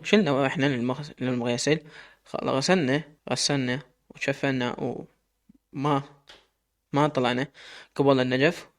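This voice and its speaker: A man's voice: mid-range voice, steady tone, moderate pace, long pauses. A man with an Iraqi Arabic accent telling a dramatic story in first person, emotional and full of quoted dialogue.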